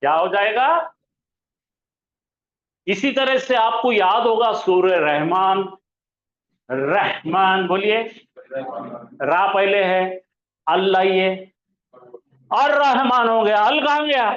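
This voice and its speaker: A man teaching an Arabic grammar lesson, asking the class questions and answering them himself, and drawing out example words slowly. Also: sits high, expressive, fairly bright tone. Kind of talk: classroom lesson explaining pronunciation. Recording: echoey room, slightly dull sound.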